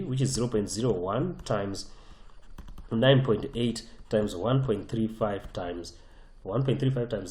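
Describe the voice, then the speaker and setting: A man's voice: on the low side, mellow, roomy sound. A man teaching a physics lesson over a whiteboard, emphatic and often repeating and restarting his phrases. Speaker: physics tutor.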